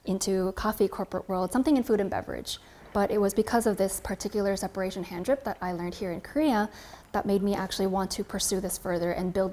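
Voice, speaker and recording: A mellow, mid-range voice comes from a woman in her twenties from California who works as a barista and makes coffee content. She tells her own story to camera in an American accent, in a chatty, reflective, casual tone.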